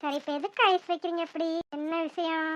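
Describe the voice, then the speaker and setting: A woman voicing a shy, teasing young wife in a cartoon who talks softly. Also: very high voice, fairly even intonation, brisk, faint music behind. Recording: dry, dull lo-fi sound.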